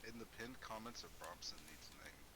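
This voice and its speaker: Lowish-voiced male gamer with background hiss. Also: fairly quick. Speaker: tabletop game player. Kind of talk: casual game-table chat.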